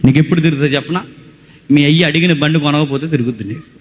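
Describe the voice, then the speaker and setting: A man with a Telugu accent delivers a passionate sermon, firing rhetorical questions at his congregation and hammering phrases over and over. His voice sits notably high for a man. It rings out with a long reverb, as from a large hall. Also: very fast. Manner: impassioned, rhetorical questions, repeats phrases, scolds the audience. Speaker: preacher.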